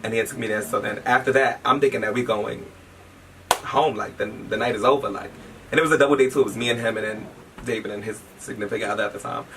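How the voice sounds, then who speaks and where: A man telling a personal story in casual chat, animated and quick to laugh, swearing freely. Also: lowish voice. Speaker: interviewee telling a shared story. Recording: distant mic with faint background noise.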